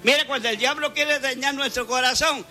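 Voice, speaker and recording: A man's voice: very high-pitched, fairly quick, bright, forceful tone, soft background music. A man preaching a fervent sermon, telling stories and acting out the dialogue with frequent laughter. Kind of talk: Spanish sermon with testimony.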